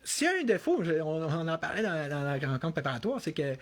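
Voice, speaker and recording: A man's voice: a little high, sing-song, quick pace. A man with a Quebec French accent hosting a casual interview, rambling with many fillers and restarts. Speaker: interview host.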